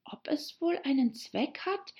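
A woman's voice: high voice, expressive, unhurried, mellow, voice pushed up. A woman voicing an eager, polite young girl who chatters on apologetically.

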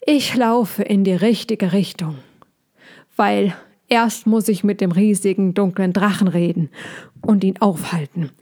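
Woman doing a storybook boy dragon, young, small, earnest, determined, soft, breathless, slow. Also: medium pitch, lightly acted. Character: little male dragon child, earnest and determined. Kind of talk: storybook reading.

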